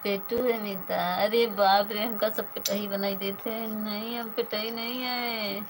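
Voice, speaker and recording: A woman's voice: medium pitch, little pitch movement, measured pace, background noise. Chatty woman live-streaming on her phone. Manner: chatty, thanks viewers by name, banters about food. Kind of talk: casual live-stream chat with viewers.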